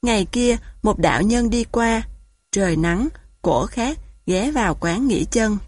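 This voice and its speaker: A woman reading a story aloud in a gentle storytelling manner, lightly voicing the characters. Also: medium pitch, animated, a little slow, slightly rough, no echo, studio quality. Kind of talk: audiobook narration.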